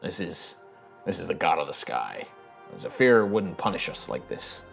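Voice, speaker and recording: Tabletop RPG local: male performer as gruff, folksy weathered elf man, low register, rustic phrasing. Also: very animated, normal speed, soft background music, full character voice. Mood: fond, proud. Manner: plain-spoken folksy rustic talk, ain't and afeared. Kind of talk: in-character tabletop role-play.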